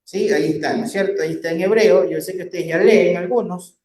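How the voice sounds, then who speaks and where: A man's voice: sits high, fairly quick, a little mellow, echoey room. A man teaching a Bible study lesson from slides. He explains step by step and keeps checking with his listeners.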